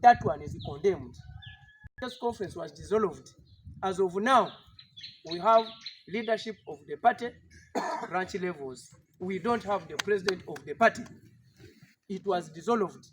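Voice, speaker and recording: A man's voice: high voice, expressive, measured pace, pauses often, noisy background. A man with a Ugandan English accent, a party politician giving an emphatic, defiant press statement with repeated rallying lines.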